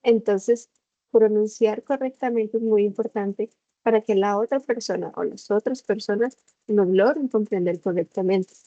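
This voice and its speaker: A woman teaching a lesson over a video call, explaining slowly and putting questions to the class. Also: mid-range voice, dark tone, no echo. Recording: slightly dull video call audio.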